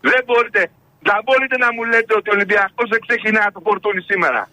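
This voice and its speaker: High-pitched forceful Greek man arguing. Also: no echo, poor audio. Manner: argumentative, emphatic, keeps interrupting. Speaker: radio show host. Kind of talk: heated sports radio debate.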